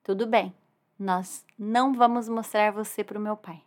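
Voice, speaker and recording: A woman's voice: mid-range voice, fairly even intonation, measured pace, close to an everyday voice. A woman voicing a frightened, curious little boy in a storybook tale. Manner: frightened, pleading, wide-eyed.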